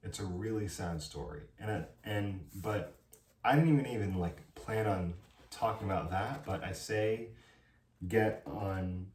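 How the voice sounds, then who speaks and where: Young man, college student, preachy casual advice, deep voice, faint background hum. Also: unhurried, darkish tone, roomy sound, distant mic. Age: young adult. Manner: emphatic, preachy, asks "right?" often. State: dry throat.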